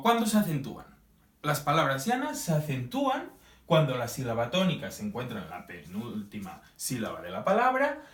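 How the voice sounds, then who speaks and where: Lively man teaching, echoey room. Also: a little high, distant mic. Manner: lively, drawn-out examples, checking in with "¿sí?". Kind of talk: explaining a grammar lesson.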